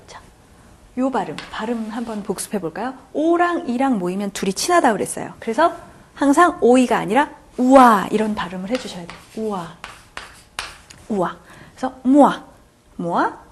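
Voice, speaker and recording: Woman grammar lecturer, animated and slightly husky, patient and repetitive. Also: fairly high pitch. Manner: patient, repeats key points, frequent "자" and questions to students. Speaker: French grammar teacher. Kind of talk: classroom lecture.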